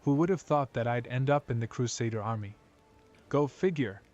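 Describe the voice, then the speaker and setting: A man plays a wry tiefling rogue in a video game. He talks in a colloquial, streetwise way at a middling male pitch. The sound is slightly dulled. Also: animated, moderate pace, a little mellow, muffled recording, faint music behind, natural voice. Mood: wry, frank. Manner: colloquial, plain-spoken. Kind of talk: video game character dialogue.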